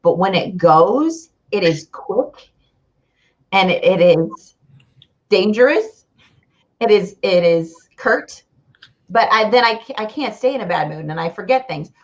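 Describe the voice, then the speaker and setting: A woman hosting a casual chat show, talking in an animated, chatty way. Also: mid-range voice, unhurried, long pauses. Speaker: podcast host. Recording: dull lo-fi audio.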